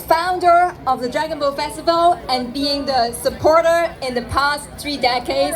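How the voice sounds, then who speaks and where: A woman from Hong Kong giving a formal, upbeat welcome speech outdoors at a festival on a microphone. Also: high voice. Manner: formal, upbeat, addressing a crowd. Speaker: festival speaker and trade office director. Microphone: handheld microphone over a PA. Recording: outdoor crowd noise around speaker. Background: crowd noise.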